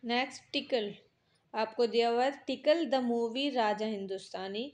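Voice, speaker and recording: A woman with an Indian accent teaching a textbook lesson, explaining each step and reading out the English text slowly. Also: fairly high pitch, darkish tone.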